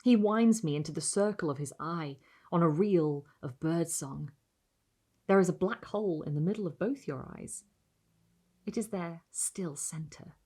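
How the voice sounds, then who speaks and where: A woman with a fairly low voice reads gothic literary prose aloud as dramatic narration. She's a reader of literary short stories, phrasing expressively and deliberately with pauses.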